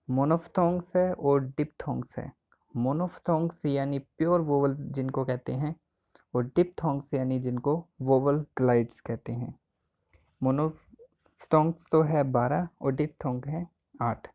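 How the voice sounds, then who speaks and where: A man's voice: mid-range voice, dark tone, muffled recording. A man teaching an exam coaching lesson, asking questions and answering them himself. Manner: asks and answers own questions.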